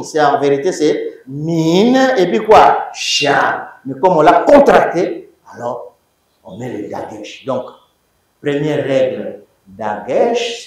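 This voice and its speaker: Teacher, slow and very animated, quizzes his class, recorded from afar in an echoey room. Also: on the high side. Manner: emphatic, repeats words and quizzes students. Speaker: Hebrew teacher. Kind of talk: university lecture. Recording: echoey room, distant mic.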